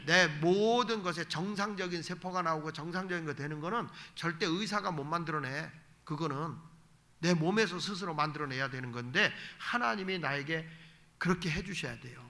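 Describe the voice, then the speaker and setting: A man's voice: high voice, sharp tone. A man, a guest pastor, preaching an evening sermon in a blunt, folksy way with joking asides. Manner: folksy and emphatic, acting out little dialogues.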